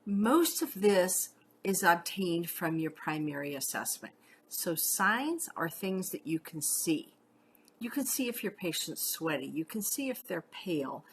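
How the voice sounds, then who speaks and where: Woman, middle-aged, paramedic educator; lowish pitch, conversational lecture with personal asides, light background noise. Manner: chatty, uses "okay?" checks and personal stories. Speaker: paramedic instructor. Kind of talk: casual teaching lecture.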